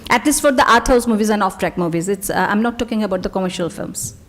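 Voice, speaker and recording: Actress on a panel, lots of uh and um, searching for words. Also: female voice, mid-range voice. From Bangladesh. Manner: halting, many fillers, searching for words. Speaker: actor. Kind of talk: panel discussion.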